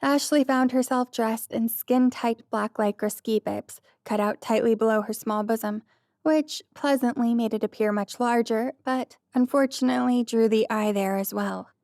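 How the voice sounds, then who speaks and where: A woman reading a light-hearted romance audiobook, in an even storytelling manner, close to the mic. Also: fairly high pitch, normal speed, no echo. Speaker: audiobook narrator. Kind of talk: scripted narration.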